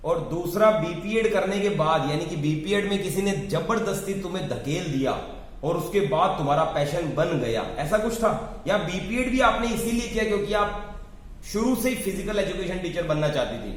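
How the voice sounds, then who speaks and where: A man's voice: high-pitched, expressive, normal speed. A man coaching a mock job interview on a video call, blunt and teasing, scolding his student to answer with reasons. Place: home. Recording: very echoey room.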